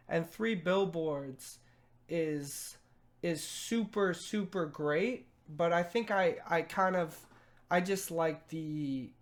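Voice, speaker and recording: A young man giving a casual spoken film review, hesitant, with lots of pauses and restarts. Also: a little high. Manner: hesitant, many fillers and restarts.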